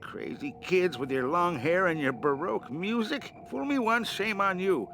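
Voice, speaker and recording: A jumpy, grumpy gravedigger from a comic adventure game. His voice is a little high and highly animated, scolding and querulous, full of stubborn disbelief. Faint noise sits behind him. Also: normal speed. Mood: scolding, skeptical. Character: jumpy, grumpy, stubborn gravedigger who loves horror novels.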